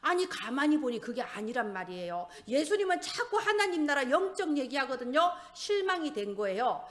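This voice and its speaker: A woman's voice: high-pitched, a bit bright. A woman pastor preaching a sermon, asking her congregation rhetorical questions.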